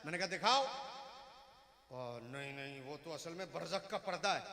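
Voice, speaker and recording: A male preacher delivering a fiery sermon, swinging between shouted exclamations and hushed storytelling, sometimes singing devotional refrains. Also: fairly high pitch, expressive, normal speed. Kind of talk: fiery religious sermon with chanting. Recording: echoey hall with long reverb.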